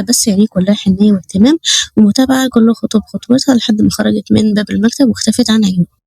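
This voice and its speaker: A woman's voice: medium pitch, dark tone, slightly rough, no echo. A woman with an Egyptian accent narrating a romance story. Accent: Egyptian Arabic.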